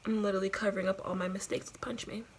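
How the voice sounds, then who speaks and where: A woman's voice: medium pitch, flat delivery, very fast. Here is a woman giving a casual makeup tutorial while giggly drunk. She rambles and repeats herself in a mid-range voice, with some light noise behind her. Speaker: beauty vlogger.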